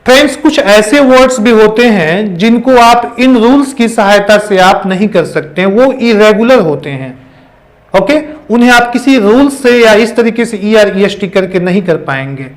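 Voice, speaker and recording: High-voiced man teaching English grammar. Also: animated, normal speed. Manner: spells words out letter by letter, mixes Hindi and English; repeats phrases and says "okay" often. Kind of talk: classroom-style explanation.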